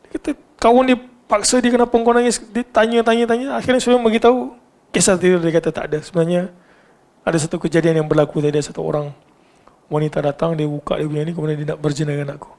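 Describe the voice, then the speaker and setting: Malaysian malay guy preaching, tells the story lively, keeps asking the crowd questions, voice a bit on the high side. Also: fast. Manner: animated storyteller, asks the audience questions. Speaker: religious lecturer. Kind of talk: Islamic lecture storytelling.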